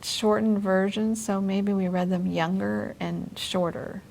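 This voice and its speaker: A woman's voice: medium pitch, fairly even intonation, a little slow, gravelly, a little mellow, slight background noise, low-quality recording. A middle-aged woman in a casual chat as an interview guest, recounting her experiences informally and a little tentatively.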